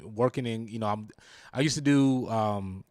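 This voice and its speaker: A man hosting a talk show, telling stories in a lively, animated way with a Southern American accent. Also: on the low side, moderate pace, no echo, clean studio sound. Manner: animated storyteller, acts out quoted lines. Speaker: radio show host. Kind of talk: casual talk show chat.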